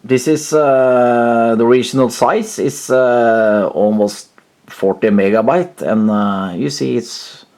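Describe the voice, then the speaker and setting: As host of a retro tech video, a man gives an unscripted, casual computer demonstration, hesitating and often groping for words. He speaks slowly in a medium-pitched, slightly mellow voice while music from the computer's audio player plays behind him.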